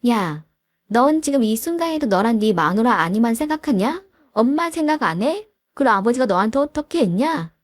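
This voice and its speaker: A woman's voice: high-pitched, no room sound, clean studio sound. A woman voicing an aggressive adult sister-in-law who browbeats her brother. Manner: shouting, browbeating.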